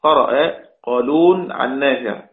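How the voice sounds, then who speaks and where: A man's voice: mid-range voice, a little slow. Man teaching, tinny echoey sound. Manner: repeats key points for emphasis; asks questions then answers them. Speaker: Quran recitation teacher. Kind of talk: religious lesson lecture.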